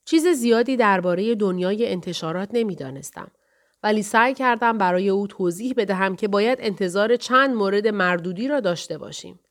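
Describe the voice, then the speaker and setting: Calm woman narrating an audiobook. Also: medium pitch.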